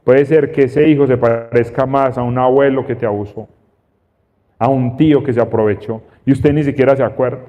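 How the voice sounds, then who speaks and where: Male preacher, slow and emphatic delivery, booming hall, lo-fi capture. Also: steady tone. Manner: slow, emphatic, with repeated phrases. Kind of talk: sermon. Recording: dull sound, long reverb in a hall.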